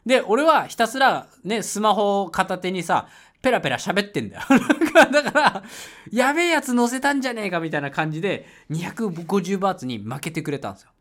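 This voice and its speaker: A man host telling a casual travel story, laughing often and breaking into loud English shouts when he reenacts moments. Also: sits high, animated, a little fast. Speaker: podcast host. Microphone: home mic voice message.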